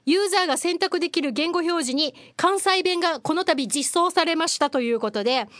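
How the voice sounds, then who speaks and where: A woman's voice: very high-pitched, a little fast, fairly bright tone, dry recording, studio quality. A woman hosting a casual solo news chat, chatty and wry, mixing formal polite phrasing with casual asides and frequent hesitations. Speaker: podcast host.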